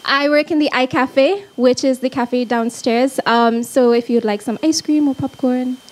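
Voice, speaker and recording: A woman's voice: sits high, steady tone, measured pace. A woman from Trinidad and Tobago, a ship volunteer, answering questions on stage with friendly, slightly hesitant speech. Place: ship's lounge stage. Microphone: handheld mic.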